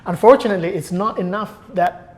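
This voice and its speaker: A man with a voice that sits high speaks briskly as a guest in a conversational interview. He's a film producer who often searches for words and rephrases while explaining things.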